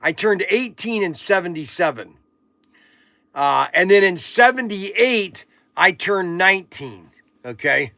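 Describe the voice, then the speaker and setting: A man in his sixties chats loosely through a livestream, rambling and joking with his viewers. His voice sits high and bright for a man, and the sound is close and dry. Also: lively intonation, slow, gravelly, dry recording. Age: 60s. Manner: rambling, chatty, joking with viewers and reading out chat comments. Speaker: livestream auction host. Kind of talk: casual livestream chat.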